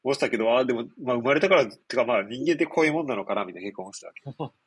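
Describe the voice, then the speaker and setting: A man in his twenties with a nasal, stuffed-up, husky voice, chatting casually as a podcast host in a rambling, explanatory way. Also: mid-range voice, rapid-fire, a bit bright. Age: 20s. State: congested after nose surgery. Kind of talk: casual chat.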